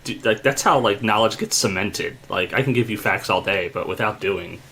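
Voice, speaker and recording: A man joins in as co-host of a casual podcast. His low voice has a bright, forceful edge. He sounds relaxed, and faint background noise sits behind him. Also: normal speed, creaky.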